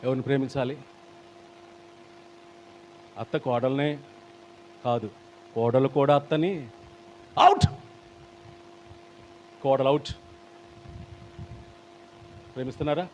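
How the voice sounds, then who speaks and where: A male pastor with a Telugu accent preaching a sermon in an animated, dramatic way, acting out the people in his stories. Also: medium pitch, takes it slowly, long pauses, a little hiss or hum. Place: church hall, live stream.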